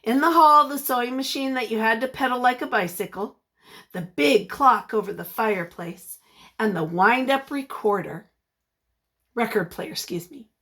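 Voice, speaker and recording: This is a slightly high female voice. She reads from a picture book the way a teacher would, full of expression and encouragement, and pauses to quiz the children listening.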